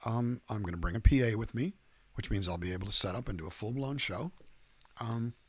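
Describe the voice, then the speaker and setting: Middle-aged guy rambling on his livestream, low husky voice, jokes at his own expense. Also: fairly quick, no echo. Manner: rambling, self-deprecating joker. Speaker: singer-songwriter hosting a livestream. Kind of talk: casual livestream chat.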